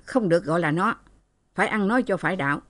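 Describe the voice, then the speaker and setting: A woman's voice: on the low side, expressive, fast talker, fairly bright tone, no echo. Woman doing a stern, curt old father. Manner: curt, reproving. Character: stern old father, doubting and short-tempered.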